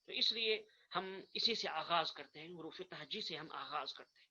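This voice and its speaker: A man teaching an online course, earnest, repeating his points and reciting the letters slowly, in a dull lo-fi recording. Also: fairly high pitch, sharp tone, slight background noise. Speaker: Arabic grammar teacher. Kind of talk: online lecture.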